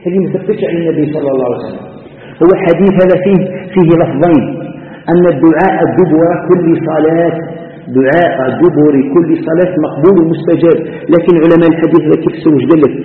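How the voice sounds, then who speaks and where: A man's voice: fairly high pitch, fast. A man with an Algerian accent teaching a religious lesson as a sheikh, moving between formal recitation and everyday dialect while explaining and demonstrating gestures. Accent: Algerian Arabic. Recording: distant tinny recording in a reverberant hall.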